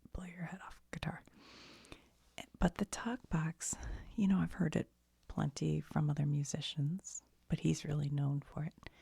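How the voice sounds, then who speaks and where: Very softly, a woman rambles in the manner of an ASMR host, her low voice heavily creaky with a breathy, husky edge. She explains things casually and haltingly, tossing in self-deprecating asides. The recording is close and dry.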